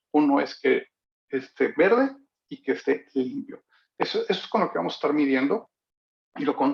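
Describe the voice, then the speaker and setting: Gravelly man teaching sales in lo-fi audio. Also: fairly high pitch. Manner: acts out father and son dialogue in a fable. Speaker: sales trainer. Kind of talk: lecture with a told fable. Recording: dull lo-fi recording.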